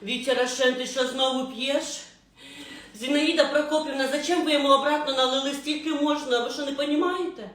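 A woman's voice: high voice, fairly quick, a bit bright, reverberant, recorded from a distance. Woman playing a scolding young wife. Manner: scolding, exasperated.

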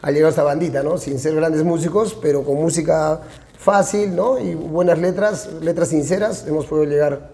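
Low, gravelly Peruvian man, frank. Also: moderate pace. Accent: Peruvian Spanish. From Peru. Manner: frank, animated, tag questions. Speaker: band vocalist and songwriter. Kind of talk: casual interview talk. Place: small restaurant with brick walls.

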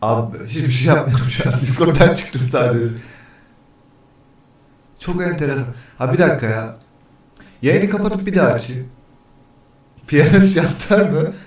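A man's voice: mid-range voice, animated, moderate pace, pauses often, a little mellow. A man talking casually on a livestream, testing his mic by counting weekdays, reading the chat and grumbling about technical problems. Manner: easily annoyed, grumbling about echo. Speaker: streamer.

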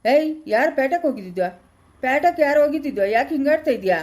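Woman doing a pushy elder hustling everyone out, chikkaballapura accent, high and quick. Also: lively intonation, a little mellow. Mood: bossy. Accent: Kannada, Chikkaballapura. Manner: bossy, hurrying others. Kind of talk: family skit acting.

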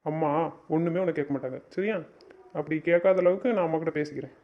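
A man's voice: on the high side, quick pace. A man in a romantic audio drama, scolding and teasing his partner in a bossy way. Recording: dull lo-fi recording.

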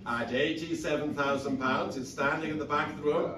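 A middle-aged man calls out bids from a lectern in a steady, repetitive auctioneer's rhythm. His voice sounds distant and echoes around an indoor saleroom. The murmur of a seated audience fills the space around him. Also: a little high, brisk, crowd noise. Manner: rhythmic, repetitive bid-calling patter. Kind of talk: live auction calling. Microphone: lectern mic, filmed from the audience seats.

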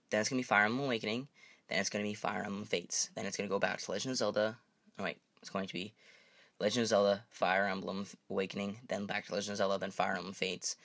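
A young man with a fairly low voice gives a casual channel update into a desk microphone. He rambles, corrects himself mid-sentence and apologizes along the way. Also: a bit bright. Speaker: gaming channel host.

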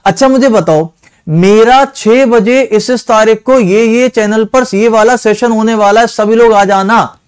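Man, high voice, teacher, online exam-prep lesson, coaxing, asks for honest answers. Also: measured pace, clean tone.

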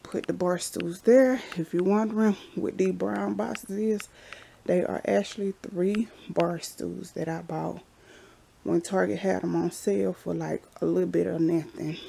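A woman vlogger gives a casual house tour, walking a handheld camera through the basement and hallways. Her lowish, gravelly voice moves at a measured pace over slight background noise. She's chatty and relaxed, sometimes dropping into a whisper as she narrates.

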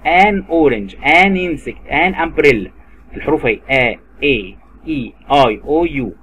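A man's voice: on the high side, expressive, normal speed, a bit bright, slight background noise. A man with an Egyptian Arabic accent teaching English grammar to a child, patiently repeating words and examples. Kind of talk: drilling grammar lesson for a child.

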